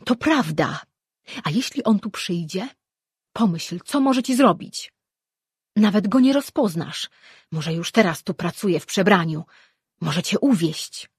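A woman's voice: on the low side, expressive, a little slow, darkish tone, husky, dry recording, clean studio sound, exaggerated voice. A narrator voicing an anxious older mother who insistently scolds her grown daughter, in an audiobook. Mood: alarmed. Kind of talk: audiobook character reading.

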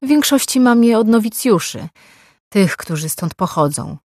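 A man's voice: high voice, lively intonation, moderate pace, a little mellow, no echo, studio quality, pitched above the performer's own voice. A woman voicing a sly, chatty older male pawnshop owner who talks in a slightly raised, boastful way.

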